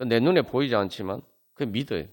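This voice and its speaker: A man's voice: medium pitch, fairly quick. A man preaching a sermon at a Friday prayer meeting, earnest and full of fillers, building to emphatic peaks. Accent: Seoul Korean. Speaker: pastor. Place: church sanctuary.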